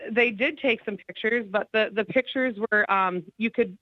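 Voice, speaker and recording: A former client calls in to a radio show for a phone-in interview, telling her story plainly and candidly with some hesitations. Her mid-range voice comes at a moderate pace over a phone line, sounding lo-fi with no room sound.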